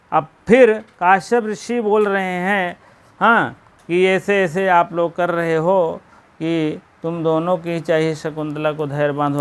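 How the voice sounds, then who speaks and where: A man teaching a Sanskrit play for exam preparation, repeating key phrases slowly and stressing each word as he explains the lines. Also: fairly high pitch.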